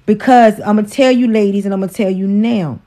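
A woman's voice: medium pitch, steady tone, a little fast, mellow. Woman, 40s, mid voice, outspoken and profane livestream host. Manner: outspoken, profane, preachy, teasing. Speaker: host, wife. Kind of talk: casual livestream relationship talk.

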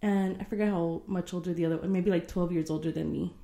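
Mellow woman in her thirties, roomy echo. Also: lowish voice, fast talker, vocal fry. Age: 30s. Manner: relaxed, many fillers like "like" and "dude". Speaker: podcast co-host. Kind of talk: casual chat.

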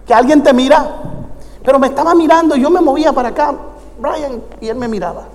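A man, a pastor preaching a sermon full of storytelling that rises into fervent, shouted exhortation. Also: extremely high pitch, quick pace. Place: church sanctuary. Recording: long church reverb.

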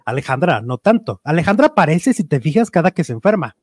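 Brief: man, gossip commentator, somewhat high voice, dry close recording, opinionated chatter. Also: sing-song, quick pace, darkish tone, no room sound. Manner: talkative, opinionated, many fillers. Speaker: entertainment news commentator. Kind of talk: casual gossip chat.

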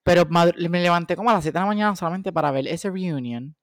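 A man's voice: sits high, fast talker, no echo, clean studio sound. Puerto Rican man chatting in casual Spanglish. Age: 20s. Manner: Spanglish, constantly switching between Spanish and English. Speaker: podcast co-host. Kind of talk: casual chat.

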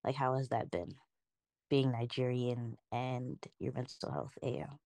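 Low-voiced woman hosting a podcast. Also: measured pace, no room sound. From United States. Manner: relaxed, encouraging interviewer. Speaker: podcast host. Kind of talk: casual podcast chat.

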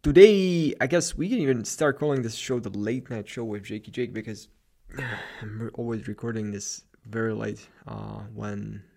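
Late at night in his apartment, a Slavic-accented man hosts a solo motivational podcast, delivering a loose, rambling pep talk. His voice is fairly low and a little mellow, with vocal fry, and he speaks at a normal speed.

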